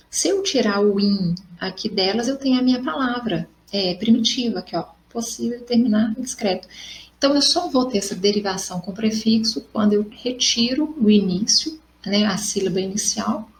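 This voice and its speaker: A woman's voice: mid-range voice, a little mellow. A woman with a Brazilian Portuguese accent, teaching a recorded lesson. She explains step by step, asks questions and answers them herself, and ends points with short tag questions. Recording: echoey room, faint ambient noise.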